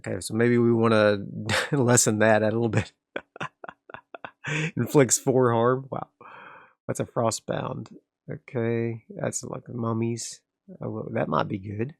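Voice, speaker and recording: Slow and full of pauses, this medium-pitched man's voice carries vocal fry as he thinks aloud through setting up the next area of a solo tabletop game. He stays relaxed, wanders in his talk and often begins again. The recording is dry and clean, studio grade.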